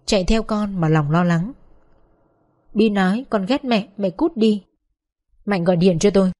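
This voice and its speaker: A woman reading a first-person family story aloud in a calm, even storytelling voice. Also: mid-range voice, unhurried.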